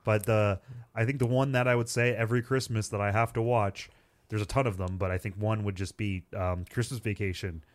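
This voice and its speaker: A man's voice: fairly low pitch, fairly even intonation, a little fast. A man co-hosting a podcast, chatting casually and laughing often. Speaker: podcast co-host. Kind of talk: casual chat.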